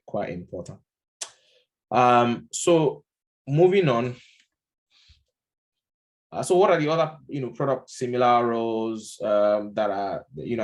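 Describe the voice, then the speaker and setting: A man with a lowish, darkish voice and Nigerian English accent runs an informal, unscripted product management lesson. Fillers and restarts pepper his conversational talk, along with the odd chuckle.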